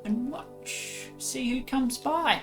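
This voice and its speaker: A man's voice: takes it slowly, a bit bright, faint music behind, full character voice. A man voicing an eager little street boy with a tiny childlike voice in a tabletop game, speaking in simple childish phrases. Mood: proud, eager. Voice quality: tiny, high-pitched little voice. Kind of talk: improvised tabletop game role-play.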